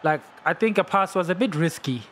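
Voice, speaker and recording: Lively, excitable man commenting on gameplay. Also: high voice, brisk. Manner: excitable, laughs often, shouts at big plays. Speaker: gaming channel host.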